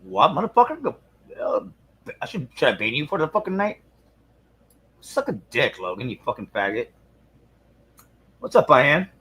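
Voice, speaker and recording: A man's voice: a little high, very animated, moderate pace, long pauses, sharp tone, slightly rough. Profane, crude streamer man. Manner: crude, profane banter with chat; mumbles while fiddling with screen. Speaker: livestream host. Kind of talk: casual live-stream chat.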